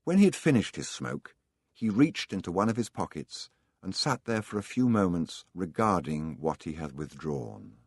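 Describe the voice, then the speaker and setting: A man narrating an audiobook in a calm storytelling manner. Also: low voice, moderate pace, husky, dry recording, clean studio sound.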